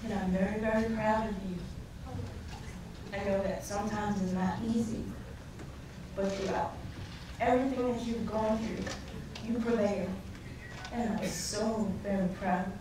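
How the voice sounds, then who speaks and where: A woman's voice: mid-range voice, fairly even intonation, measured pace, long pauses. A middle-aged woman, the groom's mother, giving a tender, emotional wedding toast. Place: wedding reception hall. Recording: echoey hall, distant mic, loud background noise.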